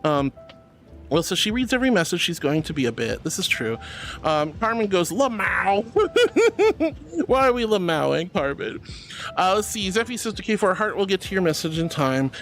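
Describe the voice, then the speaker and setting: A woman hosts a casual livestream, reading the chat aloud and answering with affection, calling people honey and sweetie. Her voice is on the low side, brisk and lively in intonation, and she giggles and laughs often as she talks. Soft music plays in the background.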